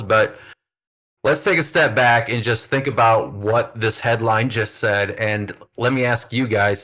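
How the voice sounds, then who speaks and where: A man hosts a casual podcast chat, talking in an upbeat, rambling way full of fillers. His voice sits a little low but has a bright, forward ring. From United States. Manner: chatty, upbeat, many fillers. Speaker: podcast host.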